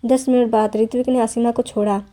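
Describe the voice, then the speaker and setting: A woman narrating a romance novel aloud in a steady, plain reading voice with small restarts. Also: on the high side, brisk.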